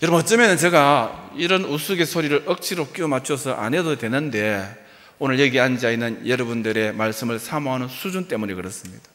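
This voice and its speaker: Male pastor, mid-pitched, preaching in a church with long hall reverb, warm joking asides to the flock. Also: a little fast. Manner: storytelling with folksy jokes, often addressing the congregation. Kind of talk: sermon. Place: church sanctuary.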